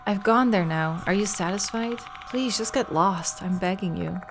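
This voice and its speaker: A woman's voice: mid-range voice, moderate pace, background noise, close to an everyday voice. A woman reading the lines of a frightened young woman who pleads desperately with a ghost. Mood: pleading.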